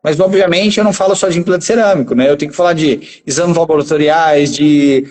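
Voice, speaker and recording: A man's voice: on the high side, brisk, a little mellow. A man speaking as a guest dentist in a casual conversation, explaining steadily and ending many phrases with a tag question.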